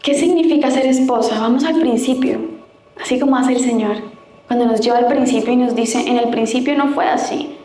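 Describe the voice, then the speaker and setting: A young adult woman giving a lively, playful faith conference talk, often acting out other people's voices. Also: on the high side, fairly quick, slight background noise. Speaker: conference speaker. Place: large conference hall. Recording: echoey hall with faint room ambience.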